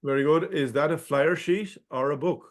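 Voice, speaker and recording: A man's voice: on the high side, normal speed. A man with an Irish accent working as a bingo caller, calling out numbers in a formulaic way, digit by digit, and hosting the game.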